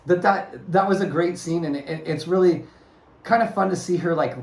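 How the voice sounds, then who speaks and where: A man's voice: high voice, moderate pace. A man co-hosting a casual movie review chat, earnest and discursive, often restarting his phrases. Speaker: podcast co-host. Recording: roomy echoey room sound.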